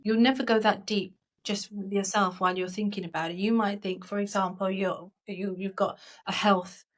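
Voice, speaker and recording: A woman's voice: mid-range voice, steady tone, moderate pace. Woman, podcast co-host, coach, casual conversation, earnest, explanatory, often restarts sentences.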